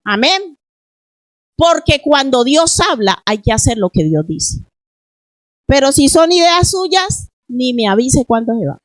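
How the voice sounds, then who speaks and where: Woman pastor, middle-aged, high voice, dry close sound, sermon full of rhetorical questions. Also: big pitch swings, unhurried, no room sound, poor audio. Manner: preaching with many rhetorical questions to the congregation. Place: church in Spain.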